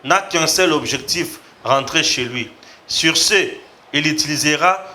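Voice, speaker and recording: A man hosts a political commentary show, voicing tweets aloud and adding his own remarks in French and Lingala. He sounds bright and on the high side, keeping a measured pace.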